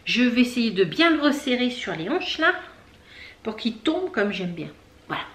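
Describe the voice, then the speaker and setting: A woman hosting a knitting video podcast from home, chatting casually with many fillers, pausing to search for words and things. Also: on the high side, big pitch swings, fairly bright tone. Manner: chatty, talks straight to viewers. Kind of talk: casual show-and-tell chat.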